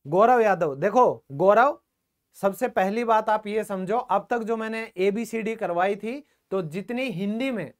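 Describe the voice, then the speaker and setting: High-voiced man teaching a quiz-style lesson. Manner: asks the class questions and answers them himself; calls the viewers "friends" often and repeats key words. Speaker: English teacher. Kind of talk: online classroom lesson.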